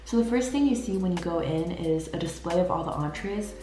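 A woman's voice: lowish voice, animated, fairly quick, dark tone, roomy sound, soft background music. Chatty young woman vlogging. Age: 20s. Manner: chatty, upbeat, laughs often. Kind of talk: casual vlog chat. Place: small indoor room.

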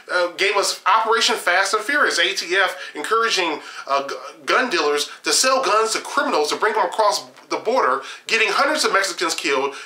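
A man's voice: high voice, echoey room. A young man giving sarcastic, opinionated political commentary to camera from a small room at home, with many fillers and restarts. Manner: animated, gesturing, sarcastic, frequent fillers and restarts. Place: small room at home, shelves of games behind.

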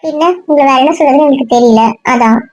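A woman's voice: sits high, quick pace, a little mellow, no echo. A woman in casual family banter, scolding and exasperated with her relatives.

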